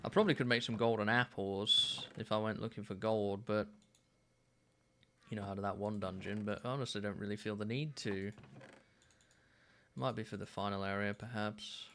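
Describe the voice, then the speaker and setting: A man in his thirties streaming a game, musing aloud in a relaxed way with plenty of fillers. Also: fairly low pitch, normal speed, long pauses, a little hiss or hum. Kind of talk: casual gameplay commentary.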